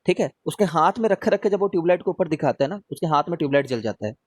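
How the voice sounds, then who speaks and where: A man's voice: on the high side, animated, fast talker. A man teaching a live online revision class, talking casually and often checking in with his students as he answers their questions.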